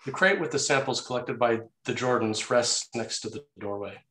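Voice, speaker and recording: Scene headings and stage directions come from a man narrating a screenplay table read, his mid-range voice pushed and bright at a normal speed. The room gives the recording an echoey quality.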